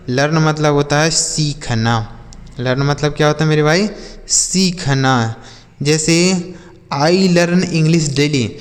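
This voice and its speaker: Slow, patient man teaching English words. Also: on the high side, in a large hall. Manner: spells words letter by letter, then repeats each example sentence slowly; asks the listener questions and answers them himself. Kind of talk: slow, drilled vocabulary lesson.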